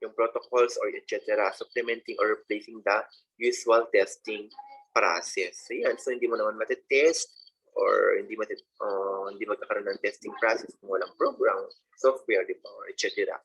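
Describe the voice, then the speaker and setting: A man's voice: lowish voice, steady tone, a little fast, gravelly, fairly bright tone, slightly rough, poor audio. A man with a Filipino accent giving a recorded college lecture, reading slides and then explaining them with many fillers.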